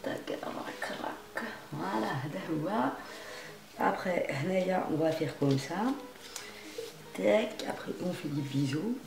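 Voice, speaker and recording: A woman's voice: lowish voice, lively intonation, slow, vocal fry, echoey room, music in the background. A woman vlogging casually while dyeing her hair at home at night, chatty and self-mocking, full of street slang. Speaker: beauty vlogger.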